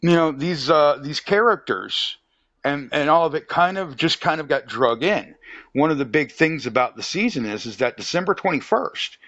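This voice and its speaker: A man's voice: fairly high pitch, animated, moderate pace, fairly bright tone, no room sound. A man hosting a podcast, chatting casually and thoughtfully, with frequent fillers and restarts. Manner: easygoing, reflective, many fillers and restarts. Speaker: podcast host. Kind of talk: casual conversation. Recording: dull lo-fi dry sound.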